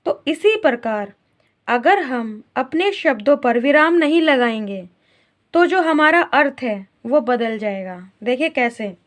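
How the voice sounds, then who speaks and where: A woman's voice: high voice, lively intonation. A woman teacher explaining a grammar lesson to young pupils, asking questions and then answering them herself. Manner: slow, questioning, answers her own questions.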